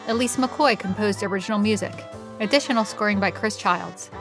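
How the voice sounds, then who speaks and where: A woman hosting and narrating a scripted history podcast in a measured storytelling manner. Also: mid-range voice, over music. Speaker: host and narrator.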